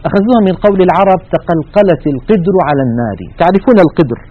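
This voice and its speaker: A man gives a fast, methodical lesson on Quranic recitation. He walks students through slides and spoken examples, pitched a little high. The recording is dull and lo-fi. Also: expressive. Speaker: tajweed teacher.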